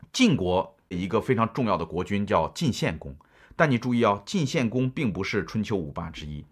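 Middle-aged male history lecturer, chatty storyteller with a husky voice and very lively intonation. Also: fairly low pitch. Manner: chatty, asks the listener rhetorical questions.

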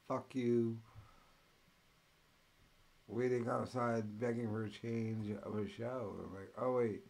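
A man hosting a ranting commentary show, talking slowly and deliberately at a middle pitch. His tone is mocking and profane. Now and then he breaks into loud, high-pitched impressions of the people he is mocking. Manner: mocking, profane, mimics others in loud bursts.

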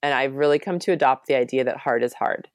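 A woman in her thirties talks as an interview guest, her voice sitting very low. She sounds earnest and reassuring, with frequent fillers. The recording is dry and close. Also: fast talker, no echo. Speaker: guest, mother of children with Down syndrome. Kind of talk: conversational interview.

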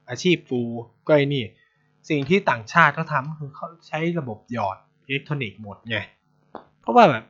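Foul-mouthed animated man, lo-fi audio. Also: on the high side. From Thailand. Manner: blunt, swears a lot, animated. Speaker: podcast host. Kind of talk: casual storytelling chat. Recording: dull lo-fi sound.

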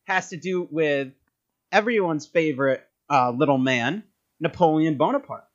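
A man's voice: fairly high pitch, expressive, normal speed, highs cut off. A man hosting a casual podcast quiz game, upbeat and teasing, often laughing.

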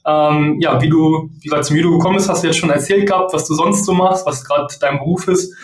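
A man's voice: fairly high pitch, fairly even intonation, fast. A man hosting a podcast who asks his questions hesitantly, with many fillers and restarts. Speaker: podcast host. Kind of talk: casual interview questions. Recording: echoey room.

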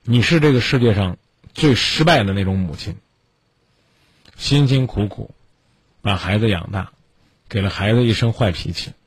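A man's voice: on the low side, moderate pace, pauses often, husky, no room sound. A man hosting a radio call-in advice show, scolding a caller in a stern lecture full of pointed questions.

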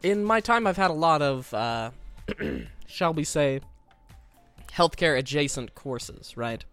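A man's voice: a little high, expressive, takes it slowly, a bit bright, clean tone, faint music behind. A man co-hosting a podcast with wry, wordy, mock-formal storytelling, under the weather with a scratchy throat. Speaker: podcast co-host. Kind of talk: casual comic storytelling on a podcast.

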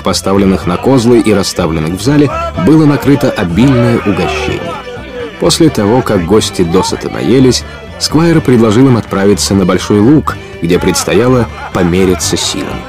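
For a radio play, a man narrates an adventure story in a lowish, expressive voice with a literary flair. Music plays beneath him.

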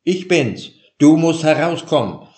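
A man voicing an agitated, deceived young bridegroom who shouts in anguish. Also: on the low side, a little slow, lightly acted. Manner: loud, anguished, outraged. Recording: roomy echo.

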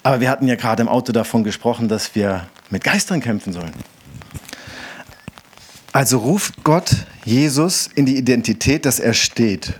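German man preaching an animated sermon. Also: mid-range voice, normal speed, husky. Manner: animated storytelling, acts out quoted voices.

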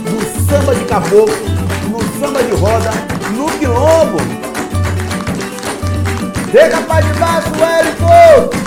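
A man hosting a podcast, opening with a hyped, shouty announcer delivery. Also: very high voice, slow pace, reverberant, over loud music. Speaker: podcast host. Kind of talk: energetic podcast intro.

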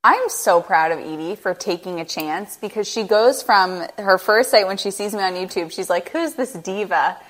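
A woman's voice: mid-range voice, normal speed, few pauses, fairly bright tone. A woman hosting as a nutrition coach, speaking earnestly and emotionally into her own microphone, close to tears. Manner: earnest and emotional, nearly teary. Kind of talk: reflective interview commentary.

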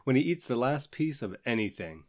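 A young man co-hosting a casual podcast chat. He reads prompts from a list in a relaxed way and laughs often. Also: mid-range voice, a little fast. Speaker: podcast co-host.

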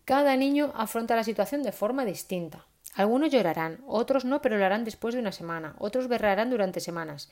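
A woman's voice: on the high side, animated, brisk, a little mellow. A woman, giving parenting advice in a casual, chatty monologue with frequent "¿vale?" tags. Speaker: parenting vlogger.

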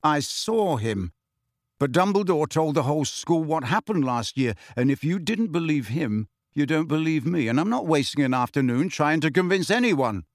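A man voicing a guarded, short-tempered teenage boy who speaks in a measured, curt way. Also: on the high side, no echo, clean studio sound. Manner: flat and measured, turning curt.

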